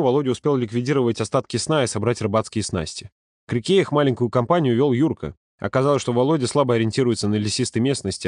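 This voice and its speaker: A man narrating a story in a calm, steady audiobook reading. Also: mid-range voice, no echo, studio quality. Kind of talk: scripted narration.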